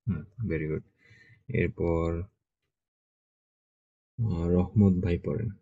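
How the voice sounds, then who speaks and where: A man's voice: sits low, steady tone, very slow, creaky, warm tone, breathy edge, no room sound, lo-fi sound. A man teaching Chinese pronunciation in an online class. He drills sounds over and over and checks in with short questions. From Bangladesh.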